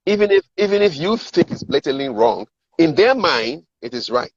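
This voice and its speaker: Speaking at a moderate pace with big pitch swings, this slightly high-voiced, middle-aged man has a Ghanaian accent. As a communications and sales coach in a conversational interview, he explains his advice, acts out sample dialogue and repeats words for emphasis. The sound is dull and lo-fi, with a roomy echo.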